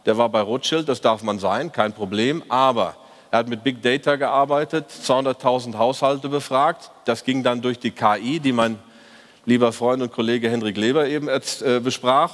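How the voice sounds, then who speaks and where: A man's voice: medium pitch, moderate pace, a bit bright. A man giving a conference talk as a fund manager, reviewing the market year in an opinionated, ironic way with frequent hesitations. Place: conference hall, on stage. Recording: reverberant conference hall.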